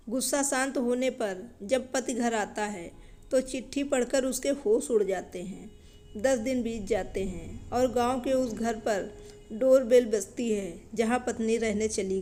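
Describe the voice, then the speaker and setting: A woman narrates a moral tale in a calm, even storytelling manner. Her voice sits a little high, with a soft, mellow tone. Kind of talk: scripted narration.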